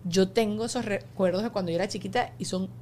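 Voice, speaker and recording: A woman podcast host, chatting in a lively, emphatic way. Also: mid-range voice, quick pace, slight background noise. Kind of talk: casual conversation.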